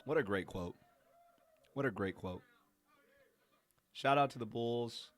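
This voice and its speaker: A man hosting a live watch-along podcast, giving chatty, excited commentary and talking to his listeners. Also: mid-range voice, slow pace. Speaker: podcast host.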